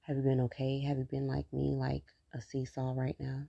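A man's voice: medium pitch, monotone, moderate pace, vocal fry, dark tone, no room sound, muffled recording. A man hosting a casual solo podcast, talking candidly and encouraging himself. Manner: candid, self-encouraging, laughs between thoughts. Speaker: podcast host.

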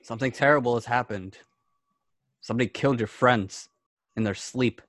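A man's voice: medium pitch, moderate pace, fairly bright tone, no room sound, studio quality. A man casually role-playing and describing actions as a player in a tabletop game. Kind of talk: casual role-play chat.

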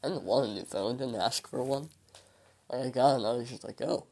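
A young man in his late teens rambling through a solo podcast, hesitant and full of ums, sounding weary and low, recorded on a phone. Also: a little fast, creaky, darkish tone. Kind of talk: rambling casual monologue.

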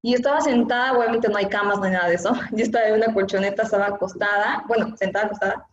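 A woman's voice: medium pitch, racing, slight background noise. A woman with a Mexican accent gives an earnest, emotional personal testimony as an interview guest, talking with many fillers. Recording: echoey, dull lo-fi room sound.

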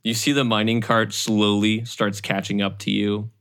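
A game master narrating a tabletop game in a casual, quick way with many fillers. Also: medium pitch, flat delivery, a bit bright, a little hiss or hum.

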